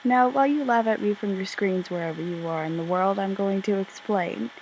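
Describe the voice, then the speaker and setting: A woman narrating a casual, self-deprecating video in a deadpan, slightly bored way, stumbling over words as she speaks from under a blanket. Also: mid-range voice, fairly quick, low-quality recording. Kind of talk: casual scripted commentary, childhood reminiscence. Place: under a blanket in a bedroom corner. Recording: amateur under-blanket bedroom recording, faint noise.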